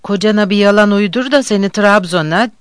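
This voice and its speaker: A narrator voicing a cocky, pushy small-town policeman in an audiobook, smooth and dry. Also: medium pitch, brisk, dry recording, lightly acted. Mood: coaxing. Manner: crude, pushy, threatening.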